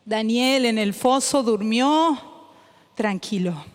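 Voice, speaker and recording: Woman preacher, slow and emphatic delivery, echoey church sanctuary sound. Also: on the high side. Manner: slow, emphatic repetition, rising into fervent prayer. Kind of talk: sermon. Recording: long echoey church hall reverb.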